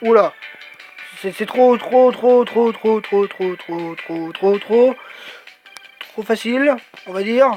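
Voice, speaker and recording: A man giving let's play commentary, swearing a lot and exclaiming excitedly as he talks to himself. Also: sits high, takes it slowly, highs cut off, soft background music. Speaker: gamer.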